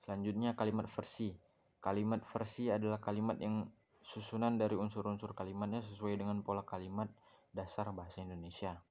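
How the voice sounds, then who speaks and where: A man's voice: on the low side, little pitch movement, brisk, mellow, dull audio. A young man, a student, reads a grammar lesson aloud from his notes, with small stumbles and self-corrections. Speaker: student presenting a class assignment.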